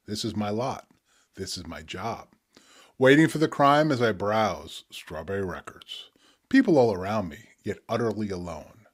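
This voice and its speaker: Man reciting spoken word poetry, measured and deliberate. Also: on the low side. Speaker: poet presenting own work.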